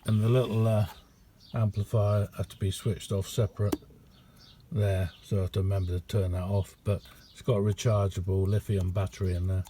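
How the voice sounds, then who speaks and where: In a small indoor radio room, a middle-aged man shows off his amateur radio kit in a casual hands-on video, rambling modestly and poking fun at himself. His voice is lowish and dark with a level tone and moderate pace, and a little hiss or hum is audible.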